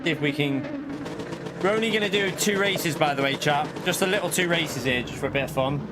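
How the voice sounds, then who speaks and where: A man's voice: on the high side, a little fast, very noisy. A British man in his forties who streams a racing game, chatting casually and bantering with laughter. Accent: British English. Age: 40s. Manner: jokey, laughs often, banters with his partner. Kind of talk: casual live-stream chat.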